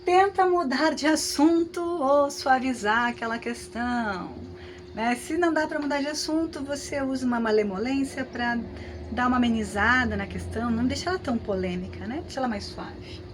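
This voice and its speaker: A woman with a Brazilian Portuguese accent teaching a class, talking in a lively, conversational way with frequent tag questions. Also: high-pitched, normal speed, background noise. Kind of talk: lecture with hypothetical examples.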